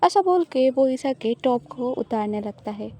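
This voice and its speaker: A woman storyteller narrating an audio love story in a steady, even way. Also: high-pitched, a little slow.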